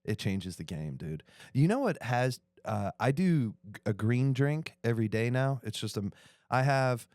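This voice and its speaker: A man's voice: medium pitch, expressive, unhurried, darkish tone, no room sound, clean studio sound. A man co-hosting a casual group podcast, enthusiastic and full of slang. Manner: enthusiastic, slangy, calls people dude. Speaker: podcast co-host.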